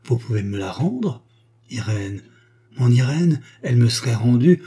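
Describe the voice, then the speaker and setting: A man's voice: medium pitch, lively intonation, normal speed, dark tone, slightly rough. A man voicing an old male mountain chieftain, proud and haunted, speaking in an impassioned, fearful way. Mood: anguished.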